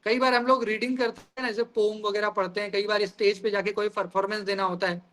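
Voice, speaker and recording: A man's voice: sits high, little pitch movement, fast, a bit bright. A man teaching a lesson in his terms, explaining ideas through everyday examples and often addressing the class as guys. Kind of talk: classroom lecture.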